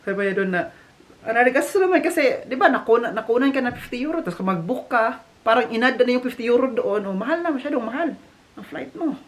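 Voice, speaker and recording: A woman from the Philippines vlogging casually from Germany, telling a story with animated restarts and English mixed in. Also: on the high side, quick pace. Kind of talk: casual vlog chat.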